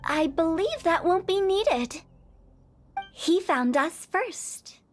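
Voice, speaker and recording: A woman's voice: very high-pitched, expressive, slow, soft background music, full character voice. A woman playing a playful, mischievous, matter-of-fact teenage girl in a video game.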